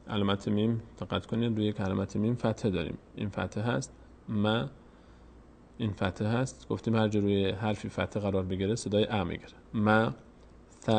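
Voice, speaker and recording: Man, low voice, gravelly fry, patient Quran reading teacher, slow repetition. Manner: patient, explains each mark slowly and repeats words drawn out. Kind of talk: step-by-step reading lesson.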